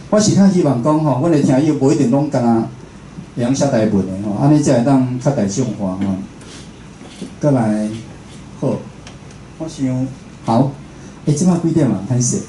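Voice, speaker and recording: The man speaking is a radio host with a Taiwanese accent and a mellow, medium-pitched voice. His public talk in an indoor room is informal and conversational, with frequent check-ins with the audience; the venue sounds roomy, with faint noise.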